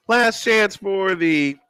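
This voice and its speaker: A man calling live baseball play-by-play at a high school ballpark in a chatty, jokey, old-school style. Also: fairly bright tone, dry recording. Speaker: play-by-play announcer.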